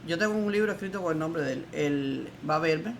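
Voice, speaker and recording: Older cuban woman, gravelly voice, quick defiant testimony, faint background noise. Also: low-pitched. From Cuba. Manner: emphatic, defiant storytelling. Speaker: interviewee, former political prisoner. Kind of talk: recorded testimony interview.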